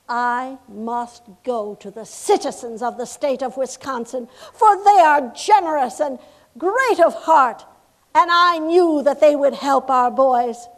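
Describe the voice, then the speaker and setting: Here a performer in a live reenactment takes on the role of an 1860s governor's wife, high-voiced and earnest. Her first-person monologue recounts her cause in grave, passionate speech, delivered slowly and deliberately, with weight on each grim detail.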